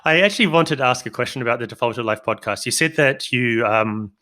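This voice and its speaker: A man's voice: mid-range voice, quick pace, sharp tone. A man with a New Zealand accent hosting a podcast interview, friendly and direct with his questions. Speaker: podcast host. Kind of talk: casual interview conversation.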